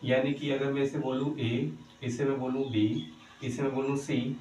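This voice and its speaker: A man's voice: mid-range voice, little pitch movement, moderate pace, darkish tone, a little hiss or hum. A male teacher giving a maths lesson in a coaching-centre classroom. He keeps asking the class questions, answers them himself, and checks in with the students again and again. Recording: echoey room, voice heard from a distance.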